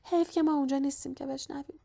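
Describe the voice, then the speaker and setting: Hermione: a hushed, clever schoolgirl witch voiced by a woman. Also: high voice, fairly even intonation, gravelly, pitched above the performer's own voice. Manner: hushed, careful, knowing.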